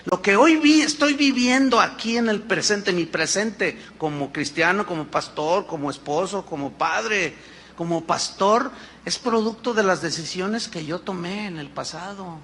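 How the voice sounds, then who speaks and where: Pastor, 50s, man, high bright voice, animated sermon delivery, faint background noise. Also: a little slow. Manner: animated preaching with acted-out dialogues and rhetorical questions.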